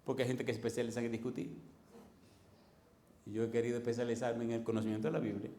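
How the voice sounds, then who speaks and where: A man's voice: medium pitch, fast, roomy sound, a little hiss or hum. A man, a pastor teaching a class for preachers, telling stories with acted dialogue and firing rhetorical questions at his listeners. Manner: animated storytelling, acts out dialogue.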